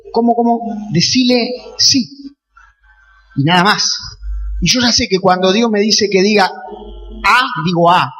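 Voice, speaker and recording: A man with a Rioplatense Argentine accent, preaching a sermon as a pastor, often shouting key phrases with passion. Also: very high-pitched. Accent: Rioplatense Spanish. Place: church hall. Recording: long church reverb, faint music behind.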